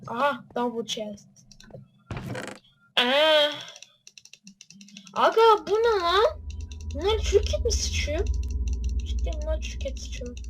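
High-voiced excitable woman gamer. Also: slow, long pauses, slight background noise, low-quality recording. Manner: excitable, jokey, casually swearing. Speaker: let's play gamer. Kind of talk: casual gaming commentary.

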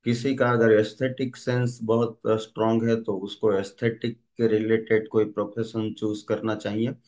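A man's voice: on the low side, flat delivery, normal speed, a little mellow. A man giving a recorded training lecture, explaining steadily with frequent "uh" fillers and restarts. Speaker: DMIT trainer. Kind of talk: recorded lecture on brain lobes.

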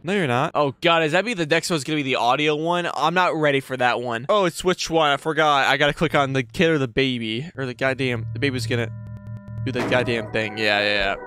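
Jumpy and exclaiming, a young adult gaming video host reacts to a horror game with sweary, slangy, casual remarks. His medium-pitched voice is a little fast, sharp, clear and resonant, picked up by a close desk mic while he wears a headset in a small indoor gaming room.

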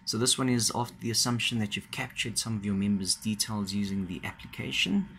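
A software trainer with a low, gravelly voice gives a casual, halting walkthrough full of fillers and restarts. He's at a desk indoors, and a phone films his monitor for this screen recording. Faint room noise sits in the background.

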